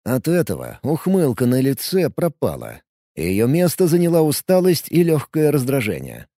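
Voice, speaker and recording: A male audiobook narrator telling a first-person story with a lively, swinging delivery. His voice is mellow and darkish, and the sound is dry and close to the mic. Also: mid-range voice, normal speed, no room sound.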